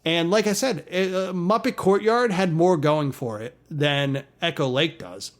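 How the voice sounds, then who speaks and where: A man's voice: fairly high pitch, measured pace. Chatty man with a raised voice. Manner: chatty, rambling, laughs often. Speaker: podcast co-host. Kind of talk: casual chat.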